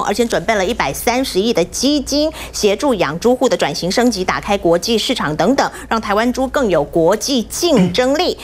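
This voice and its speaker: A woman with a Taiwanese Mandarin accent hosting a political talk show in a TV studio, briskly summing up the news. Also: medium pitch. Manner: brisk, reads news summaries.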